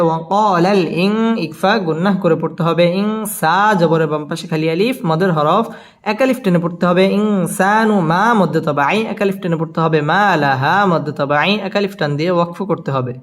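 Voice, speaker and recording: High-voiced teacher. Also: male voice. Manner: spells letters slowly, recites verses in slow melodic chant. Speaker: Quran recitation teacher. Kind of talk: spelling out and reciting Quran verses with tajweed rules.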